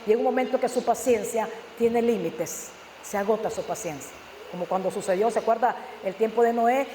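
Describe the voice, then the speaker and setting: A man preaches a fervent sermon in a high, bright-edged voice. He fires rhetorical questions and hits words with sudden loud stress. His voice rings through a church hall with long, echoing reverb. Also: a little hiss or hum. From Nicaragua. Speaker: pastor.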